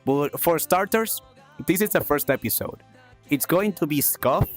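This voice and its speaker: Animated yet unhurried, a South American man with a higher-pitched voice hosts a livestream over soft background music. He keeps things upbeat and casual, warmly thanking viewers and repeating phrases between coughs from chest congestion.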